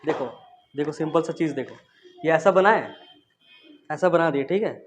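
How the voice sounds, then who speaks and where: A man's voice: on the high side, moderate pace. A man teaching physics in a classroom, chatting casually as he quizzes students and demonstrates with objects. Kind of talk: classroom lecture.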